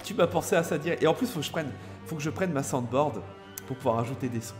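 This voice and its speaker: A young adult man from France hosting a live gameplay stream, chatting hesitantly with viewers and answering them by name, with many filler pauses and restarts. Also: on the high side. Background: background music.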